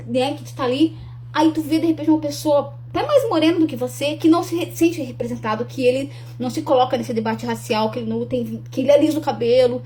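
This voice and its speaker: Speaking casually and directly to the camera, a young woman from Rio Grande do Sul, Brazil, earnestly promotes her talk in a slightly high, warm, mellow voice. Frequent restarts and tag questions mark her speech, over a faint underlying hum.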